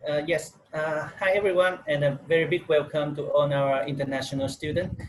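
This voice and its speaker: A man's voice: on the high side, flat delivery, brisk, rough recording. Earnest man from Vietnam with hesitant delivery. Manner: earnest, hesitant with many uhs. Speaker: guest. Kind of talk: casual interview answers. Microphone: video call mic.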